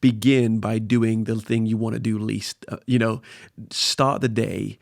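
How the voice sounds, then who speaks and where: A man's voice: on the low side, fairly even intonation, a little slow, creaky, no echo, clean studio sound. A man guesting on a podcast, talking earnestly and motivationally, often repeating words as he thinks. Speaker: podcast guest, spoken word artist. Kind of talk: casual conversation.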